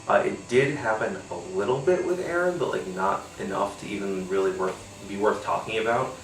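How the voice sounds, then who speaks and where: A man hosting a podcast tastes a beer alone, chatting aimlessly with frequent fillers and offhand swearing, his voice nasal and blocked from a cold. His pitch is fairly low and his tone fairly bright. The poor audio is roomy and distant, with slight background noise.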